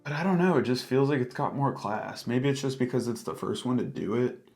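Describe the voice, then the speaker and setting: A man's voice: medium pitch, expressive, a little fast, vocal fry, a little mellow. Exasperated man critiquing casually, music behind. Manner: exasperated, frequent filler "like". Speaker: co-host of a book discussion. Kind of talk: casual opinionated book critique.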